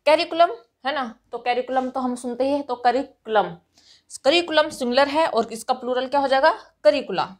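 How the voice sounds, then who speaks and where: High-voiced Indian woman teaching grammar. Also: normal speed. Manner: explains patiently, often checks in with "right" and "okay". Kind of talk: exam-prep grammar lesson.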